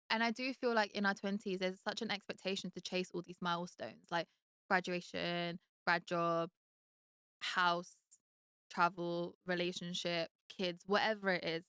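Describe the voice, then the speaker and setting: A woman's voice: lowish voice, a bit bright, clean tone, no room sound, studio quality. A woman in her late twenties hosting a solo podcast, talking candidly and reflectively in a chatty way, with lots of filler words. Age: late 20s. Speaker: podcast host.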